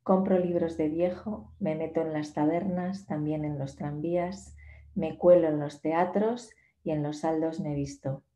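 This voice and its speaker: Slowly and with care, a poet in her forties reads poems aloud as part of a talk, her fairly low, mellow voice holding a steady tone and an unhurried rhythm. The sound, from a laptop webcam on a video call, echoes off a small bare room.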